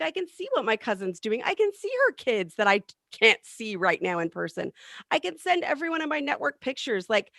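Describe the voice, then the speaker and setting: A woman who works as a technology coach, talking in a casual panel discussion, animated and thinking aloud with fillers and restarts. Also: a little high, gravelly, no room sound, clean studio sound.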